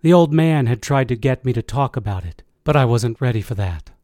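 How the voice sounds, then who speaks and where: A man reading a first-person audiobook in a measured, steady way. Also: mid-range voice, no echo, studio quality. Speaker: audiobook narrator.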